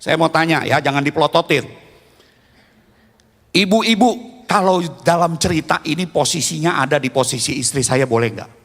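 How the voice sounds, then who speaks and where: A man in his fifties preaching a sermon as a pastor, telling stories with animated swings between loud and hushed. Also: fairly high pitch, normal speed. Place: church. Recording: long reverb of a church hall.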